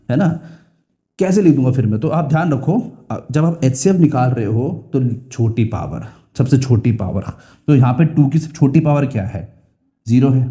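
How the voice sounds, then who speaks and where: A man's voice: medium pitch, dark tone. A young man with an Indian English accent teaching a school math lesson, repeating key phrases and asking and answering his own questions.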